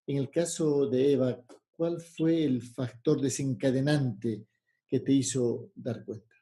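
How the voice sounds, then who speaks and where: Man, slow-speaking, dark-toned interview host. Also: mid-range voice, fairly even intonation. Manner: measured, elaborate phrasing, rephrasing each question several ways. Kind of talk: interview questions.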